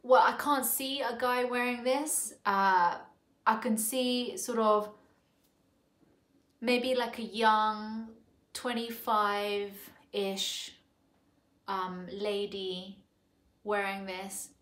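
The bright-toned, mid-range voice of a Thai home review vlogger in her 40s moves slowly and evenly as she considers a perfume aloud, full of fillers and restarts. She's indoors on her living-room sofa, filmed by a camera close in front, and the room sound is echoey.

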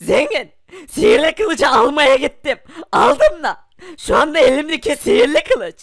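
A man's voice: extremely high pitch, wildly swooping pitch, moderate pace, gravelly, no room sound, clean studio sound, heavily acted. A man voicing a panicky, tearful poor young man who talks in a breathless, pleading way, crying through his words. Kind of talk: hobby animation voice acting.

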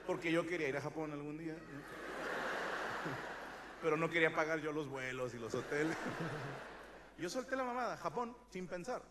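Mexican comic in his thirties, high-pitched, crude and slangy, with loud shouted bits; noisy live show. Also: moderate pace, pauses often. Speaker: stand-up comedian. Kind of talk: stand-up comedy monologue.

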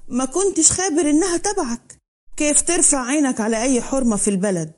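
A woman's voice: high voice, expressive, fast, warm tone. A woman with an Upper Egyptian accent voicing a stern, hot-tempered young village man who gives harsh commands. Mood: furious.

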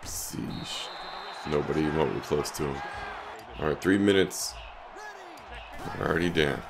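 A man with a scratchy, sick-sounding throat, giving laid-back, casual commentary on the game he's playing, with short excited outbursts. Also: rumbling low, a little slow, gravelly. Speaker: gaming YouTuber.

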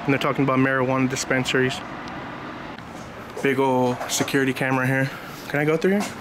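Casual man vlogging over clear street noise. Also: mid-range voice, steady tone, fairly quick. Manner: informal, inquisitive, remarking on surroundings. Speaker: citizen video reporter, vlogger. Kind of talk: casual run-and-gun vlog narration. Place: outdoors on city street and in public lobby. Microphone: handheld camera, held by speaker. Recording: noisy handheld outdoor recording, street traffic.

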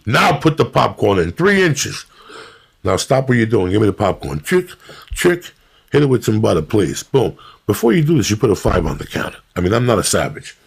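A middle-aged man hosting a podcast, telling profane, animated stories in casual chat. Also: lowish voice, brisk. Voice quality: gravelly. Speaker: podcast host.

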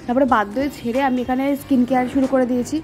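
A woman's voice: high voice, steady tone, rapid-fire, a little mellow. A young woman, chatting casually in a vlog as she gets ready and does her makeup, sounding tired. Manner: chatty, talks while doing her makeup. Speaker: vlogger. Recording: music playing underneath.

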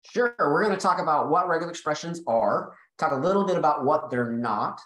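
A man with a slightly high voice walks a webinar audience through a technical topic, eager and explanatory. His voice carries a roomy echo over a video call mic. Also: lively intonation, brisk, a bit bright. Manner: eager, explanatory, self-correcting. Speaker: developer and guest presenter.

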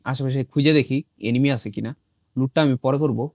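A man, hoarse from a cold, chatting casually to viewers while he plays and throws in English exclamations. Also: medium pitch, moderate pace, darkish tone, no room sound, studio quality. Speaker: gaming channel host. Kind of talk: casual gameplay commentary.

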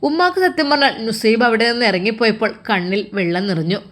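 A woman's voice: fairly high pitch, sing-song, fast. Woman telling a story in Malappuram Malayalam. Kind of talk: spoken story narration.

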